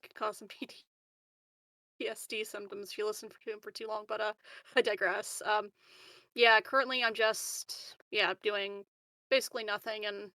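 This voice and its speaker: This woman's voice is medium in pitch with little movement, a moderate pace, and a sharp tone, recorded with no room sound. She is playing a tabletop roleplaying game, improvising casual in-character chat that comes out giggly, hesitant, and rambling.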